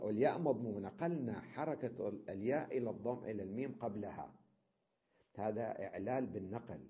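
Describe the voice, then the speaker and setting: A man teaching an Arabic grammar lesson, reading a passage aloud and then repeating and explaining it with examples and quick checks on his listeners. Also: on the low side, lo-fi sound. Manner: checks understanding with short questions.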